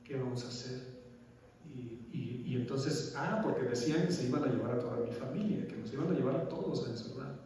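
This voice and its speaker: A man's voice: mid-range voice, warm tone. Mexican guy telling his testimony at church, far from the mic, big echoey hall, faint room noise. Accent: Mexican Spanish. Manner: emotional, halting, repeats words, rises to preaching emphasis. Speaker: guest giving a testimony in church.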